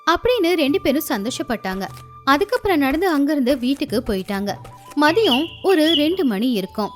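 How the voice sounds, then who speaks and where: A woman narrating a moral folk story in an expressive storytelling manner. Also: high voice.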